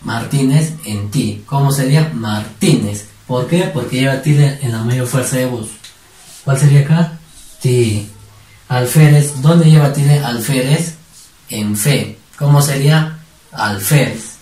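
A man's voice: medium pitch, unhurried, dark tone. Man teaching from far off in a roomy space. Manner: asks questions and answers them himself; drills words syllable by syllable. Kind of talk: online spelling lesson. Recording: roomy sound from a distant mic.

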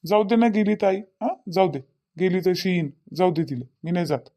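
A man's voice: sits high, normal speed, warm tone, lightly acted. A man with a Varhadi Marathi accent voicing an indignant young husband who keeps firing questions back. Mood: sulky. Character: resentful young husband, sulky.

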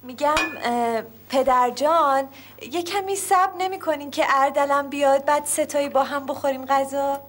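A woman's voice: high-pitched, steady tone, a little hiss or hum, natural voice. An actress playing a young daughter-in-law who pleads and complains that she is being wronged. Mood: pleading. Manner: whiny and pleading. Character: young wife, whiny and theatrically wronged. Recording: music under a TV comedy scene.

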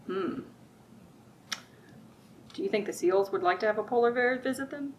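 At a children's storytime in a library room with bookshelves, a middle-aged librarian speaks at a medium pitch, reading aloud and chatting in simple terms. She asks the young audience plenty of easy questions. Room noise is audible on the distant mic.

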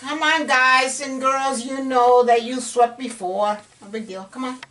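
Her voice sits high and fairly bright, with fairly even intonation and a measured pace, as this middle-aged woman leads a casual painting lesson. Chatty and encouraging, she occasionally whispers while she works. The audio comes from a distant camera mic with faint room noise.

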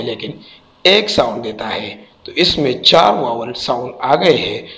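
A man's voice: mid-range voice, fairly bright tone, low-quality recording. A man teaching a textbook lesson, spelling out letters and repeating each word carefully.

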